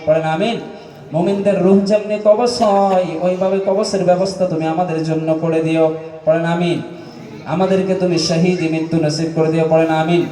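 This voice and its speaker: A man preaches in Bangladeshi Bengali in a high, mellow voice, his rhythmic lines rising into shouts as he calls on the crowd to answer. He sounds far from the mic. A long, echoey hall reverb trails every phrase. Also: steady tone, moderate pace. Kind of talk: fiery sermon.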